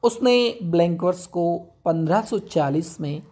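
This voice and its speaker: Man, English teacher, classroom lecture, slow careful pace, warm low timbre. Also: lively intonation. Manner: explains step by step, reads English definitions slowly.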